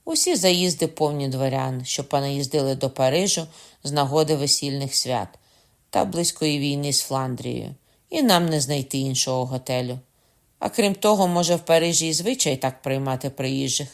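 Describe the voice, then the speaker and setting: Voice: mid-range voice, vocal fry, lightly acted. An audiobook reader voicing a patient, polite young nobleman. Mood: patient reasoning. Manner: measured and polite. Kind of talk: audiobook character voice.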